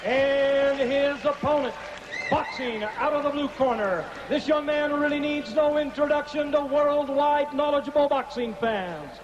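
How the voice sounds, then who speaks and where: A man's very high, projected voice announces from a boxing ring, stretching names and records in a formal, showy ring announcer style. The sound is muffled and echoes through the arena over crowd noise. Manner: declamatory, drawn-out delivery of fighters' names and records.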